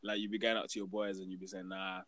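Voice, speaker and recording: Young guy w london roadman accent, slangy podcast chat, kinda low voice, dry sound. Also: little pitch movement, rapid-fire, a bit bright, no echo. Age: young adult. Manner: roadman slang-heavy way of talking. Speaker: podcast speaker.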